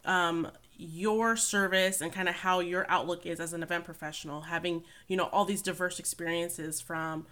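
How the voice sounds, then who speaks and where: A woman hosts a podcast interview, her tone bright and forceful. She asks long questions in a playful, teasing way. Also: lowish voice, steady tone, moderate pace, hardly any pauses. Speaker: podcast host.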